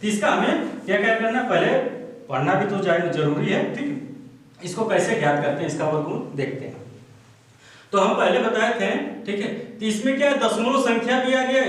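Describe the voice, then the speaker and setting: A male teacher explaining a math lesson step by step in a classroom, often checking that students are following. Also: high voice. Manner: explains step by step, keeps checking with "theek hai". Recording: echoey room, speaker far from mic.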